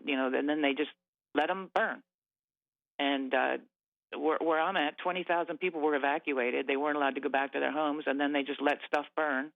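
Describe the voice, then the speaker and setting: A man calling in to a radio show over the phone, talking in an agitated, halting way with many fillers and restarts. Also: fairly high pitch, creaky, dry recording. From Nova Scotia. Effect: radio show caller on a phone line. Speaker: caller. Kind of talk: agitated call-in talk. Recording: tinny phone line.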